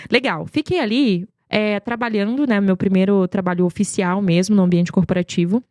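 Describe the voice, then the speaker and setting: A woman from Goiânia, Brazil, a marketing executive appearing as a podcast guest, tells stories in a conversational interview. She's talkative and emphatic, often asking rhetorical questions, with a mid-range, mellow voice at a moderate pace and no room sound.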